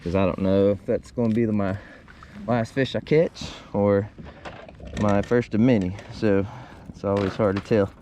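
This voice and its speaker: Laid-back low-voiced man fishing from a kayak. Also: steady tone, normal speed, warm tone. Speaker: angler hosting a kayak fishing vlog. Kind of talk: casual fishing commentary. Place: outdoors in a kayak on a river. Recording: faintly noisy outdoor river recording.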